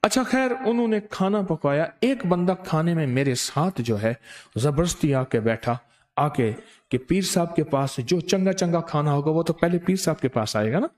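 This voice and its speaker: A middle-aged man preaching at a dawn gathering, telling lively stories and slowing into chanted prayer. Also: fairly high pitch. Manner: storytelling, animated, breaks into slow recitation. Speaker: spiritual teacher. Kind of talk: devotional sermon with chanted prayer.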